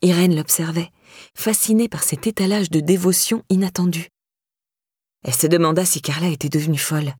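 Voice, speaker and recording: A woman narrating an audiobook in a measured, even way, with a husky voice. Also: on the low side, dry recording, studio quality. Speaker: audiobook reader.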